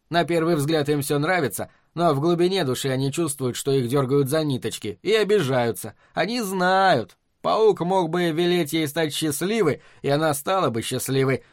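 A man narrating an audiobook in an even storytelling manner. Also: a little high, no echo, clean studio sound. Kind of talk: scripted narration.

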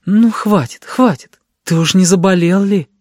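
A man's voice: a little high, lively intonation, moderate pace, no echo, studio quality, voice pushed up, lightly acted. Man putting on a fussy, grumbling aunt. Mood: worried. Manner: grumbling yet kindly. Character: fussy caring middle-aged aunt.

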